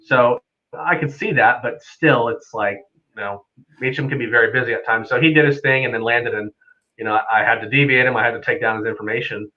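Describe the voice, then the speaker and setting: A man with a medium-pitched, bright, forceful voice talks fairly quickly, with the highs cut off. He's an air traffic controller guesting on a live stream, casually explaining things and sharing anecdotes in an easygoing, conversational way.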